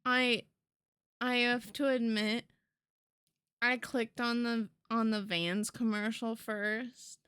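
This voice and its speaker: A woman streamer chatting casually with her viewers while she draws, excitable, swearing often and laughing a lot. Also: on the high side, slow, clean tone, no room sound, studio quality. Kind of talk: casual livestream chat while drawing.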